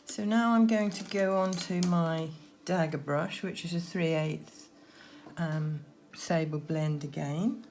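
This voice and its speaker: A woman giving gentle, unhurried painting instruction, talking through her work as she goes, with trailing pauses. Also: on the low side, a little hiss or hum. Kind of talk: unscripted painting demonstration, talking while working.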